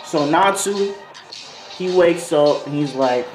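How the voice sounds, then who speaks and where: Here a male video host, voice a little high and slow, ad-libs a loose, slangy story that rambles and keeps drifting into tangents. Music beats away in the background, and the room echoes noticeably.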